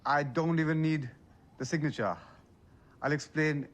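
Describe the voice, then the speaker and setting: A man's voice: a little high, fairly even intonation, a little slow, lightly acted. An actor playing a flustered young British pizza delivery man who keeps insisting, growing exasperated.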